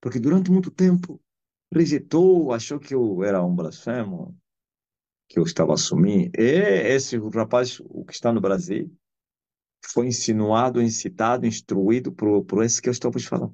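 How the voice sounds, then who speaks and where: This Angolan-accented apostle preaches through a live video call, driving his message home by saying things again and again with real emphasis. His pitch is medium and his intonation lively, at a normal pace with a warm tone. The call audio sounds slightly muffled.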